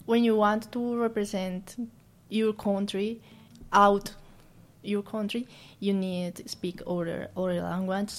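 Speaking English as a second language, this young adult university student from Colombia responds to interview questions haltingly, hunting for words and restarting many times. Her Colombian Spanish accent comes through in a mid-range voice with little pitch movement.

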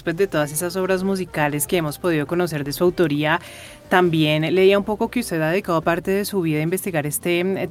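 Fast-talking woman interviewer. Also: on the low side. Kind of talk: interview questions.

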